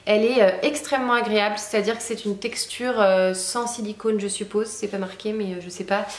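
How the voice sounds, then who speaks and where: A young woman talks casually in a friendly review chat, pausing often with hesitations and little fillers. Her pitch sits in an ordinary middle range. The sound has a noticeable roomy echo. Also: fairly even intonation. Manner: chatty, with frequent hesitations and fillers. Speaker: beauty vlogger.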